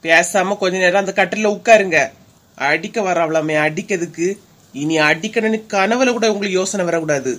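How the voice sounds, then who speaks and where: A woman's voice: fairly low pitch, moderate pace, a bit bright, lightly acted. A woman with a Kanyakumari Tamil accent voicing a bossy, tough young wife in a cartoon comedy, scolding her husband in a commanding way.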